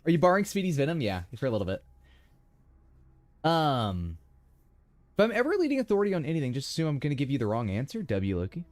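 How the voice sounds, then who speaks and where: Young man, live streamer, playful chatter, somewhat high voice, dry close sound. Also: huge pitch swings, fast talker, long pauses, darkish tone, no room sound. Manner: playful, chatty, addresses chat. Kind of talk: casual live-stream commentary.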